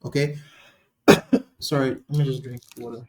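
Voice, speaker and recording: A man teaching a live online lecture, talking quickly and thinking aloud, often restarting his sentences. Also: mid-range voice, level tone. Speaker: instructor.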